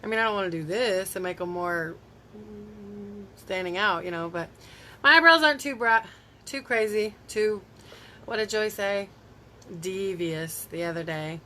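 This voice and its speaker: A woman's voice: mid-range voice, a little slow, sharp tone, a little hiss or hum. A woman, chatting casually on a live stream from home into her phone, rambling and reacting to viewer comments. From Tennessee. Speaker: beauty vlogger hosting a live stream.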